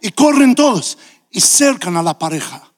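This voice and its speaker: A man preaching a sermon with passion, his delivery building up to shouting. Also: very high-pitched, very animated, normal speed.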